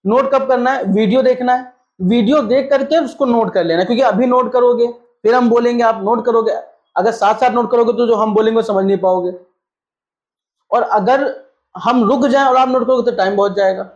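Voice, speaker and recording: A man with an extremely high-pitched voice talks fairly quickly in a classroom-style lecture, posing questions and answering them himself. He mixes English terms into his Hindi, and the echoey room gives a slightly dull sound.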